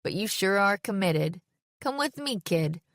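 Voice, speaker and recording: A woman's voice: mid-range voice, expressive, unhurried, a bit bright, no room sound, clean studio sound. A woman reading an audiobook, voicing a sardonic teenage girl who hosts a poetry slam and teases with mock enthusiasm. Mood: wry.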